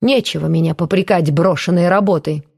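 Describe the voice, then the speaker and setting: Shrewd old village aunt, blunt and mocking, low voice, read by a woman narrator. Audiobook. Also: a little fast, gravelly, darkish tone, husky. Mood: stubborn.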